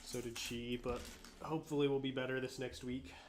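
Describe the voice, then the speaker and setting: Soft music plays behind a man hosting a laid-back live stream while under the weather. He greets viewers by name easily, his medium-pitched voice brisk, slightly nasal, and often interrupted as he clears his throat.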